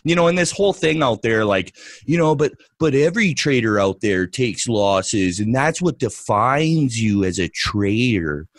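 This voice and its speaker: A man's voice: mid-range voice, animated, measured pace, dry recording. A man co-hosting a trading podcast, ranting profanely and mocking others in put-on voices. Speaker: podcast co-host, trader. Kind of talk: ranting casual podcast talk.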